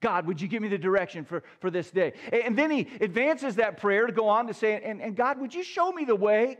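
A man with a high voice preaches a sermon, earnestly retelling a story and quoting scripture. He often restarts his phrases as he goes. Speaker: pastor.

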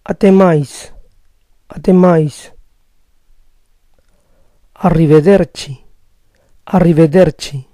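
A man teaching phrases in a slow vocabulary drill, saying each phrase twice. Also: a little high, steady tone, dark tone, no echo, studio quality. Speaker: language teacher.

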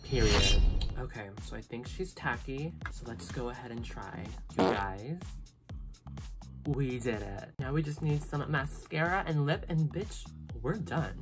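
A woman's voice: a bass voice, lively intonation, measured pace. A woman filming a makeup tutorial in casual chat, sassy and profane, full of dramatic exclamations. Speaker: makeup vlogger. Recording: music playing underneath.

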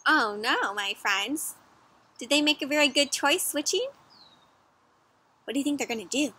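With a high voice, a young woman reads a picture book to children outside in a garden or yard. She stops now and then to quiz them in an animated, teacherly way, talking to the kids as if they were her friends.

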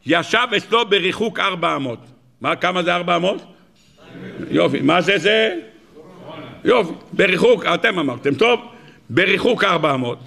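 A man's voice: high voice, creaky, sharp tone. A rabbi giving a Torah lesson, telling stories with animation and firing rhetorical questions at his listeners.

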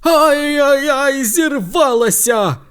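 A man voicing an excitable young male dinosaur in a children's audio story, blurting out squeaky, excited exclamations. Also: takes it slowly, heavily acted. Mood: panicked.

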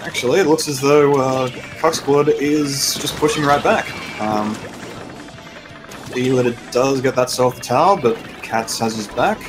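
A man doing play-by-play esports commentary, rambling and excitable, with lots of fillers. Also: mid-range voice, measured pace. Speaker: esports caster. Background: background music.

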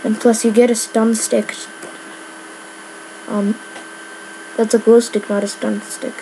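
A woman's voice: a little high, flat delivery, takes it slowly, warm tone, slight background noise, poor audio. A woman giving casual gameplay commentary, rambling with lots of filler words. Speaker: gamer.

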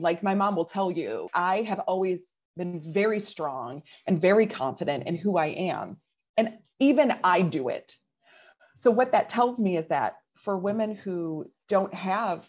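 Husky low-voiced woman coach in her forties. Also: lo-fi sound. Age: 40s. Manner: earnest, emphatic, quick bursts. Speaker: leadership coach. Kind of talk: podcast interview.

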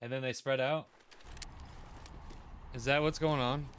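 A man's voice: medium pitch, fairly even intonation, measured pace, fairly bright tone, a little hiss or hum. A man hosting a gaming video, chatting casually with a teammate and calling out moves and questions as they play. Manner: calls out moves and plans, questioning. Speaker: gaming channel host.

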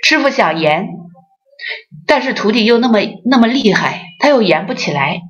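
A woman's voice: a little high, animated, moderate pace. A middle-aged woman giving a Buddhist dharma talk as an association president. She tells stories, acts out the voices she quotes and speaks straight to her listeners. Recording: dull lo-fi recording.

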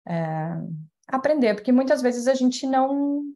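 A woman's voice: high voice, animated, a little slow, dark tone. A woman gives a public spiritual talk over a video call from home. She explains her points thoughtfully, with many fillers and tag questions. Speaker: speaker at a spiritist center. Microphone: webcam mic on video call.

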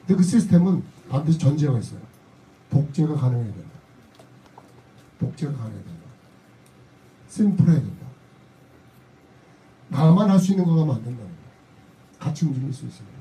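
A middle-aged man giving a motivational seminar talk in a lecture hall. His voice sits high but sounds very dark and mellow, and the mic picks it up from a little way off. He is emphatic and repeats his key lines. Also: very animated, fast talker, pauses often. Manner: emphatic, repeats key phrases, drops into blunt casual speech. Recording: voice a bit distant from the mic.

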